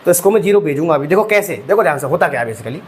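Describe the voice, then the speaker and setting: A man's voice: on the high side, expressive, very fast. A young man teaching maths, walking students through each step with rhetorical questions and calling them bhai sahab. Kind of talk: exam-prep lecture.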